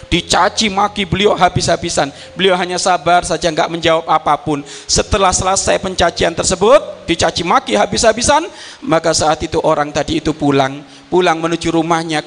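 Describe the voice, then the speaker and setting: A man's voice: fairly high pitch, gravelly, a bit bright. A man preaching a religious sermon to students and viewers, emphatic and repeating his key phrases, in a hall with long reverb.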